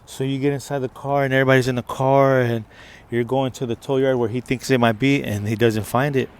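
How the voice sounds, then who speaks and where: A man telling a story in a casual monologue. He is animated, acts out the dialogue himself and keeps saying "right?". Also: medium pitch, a little fast, smooth. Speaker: motivational vlogger. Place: outdoors in the city. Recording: outdoor recording.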